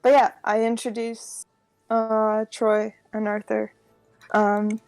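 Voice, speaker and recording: A woman's voice: on the high side, completely flat delivery, slow pace, a little mellow, dry recording, faint music behind. A woman playing a tabletop game, describing her character's actions in a rambling, hesitant way. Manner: rambling and hesitant, many fillers. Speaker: player.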